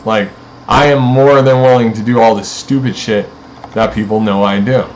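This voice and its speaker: A man's voice: lowish voice, steady tone, moderate pace, a little hiss or hum, rough recording. A man in a rambling, profane, accusatory monologue aimed at his neighbors.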